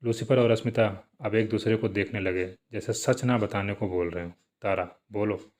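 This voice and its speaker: A man reading a serialized story aloud in plain, steady narration with small asides. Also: lowish voice, moderate pace.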